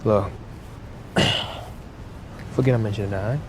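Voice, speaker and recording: A man plays a blunt, streetwise tough guy with a fairly low voice who talks in short, dismissive bursts. A clear vehicle rumble runs under his lines in this film scene. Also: steady tone, unhurried, close to an everyday voice. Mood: brusque.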